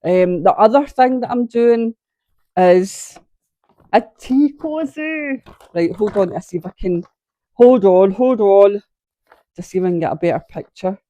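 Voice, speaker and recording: A knitting vlogger talks casually to a tripod-mounted camera at home, her medium-pitched, mellow voice moving at a measured pace in a dry recording. She's a bit congested from sinus trouble and chats in a rambling way, often interrupting herself mid-sentence.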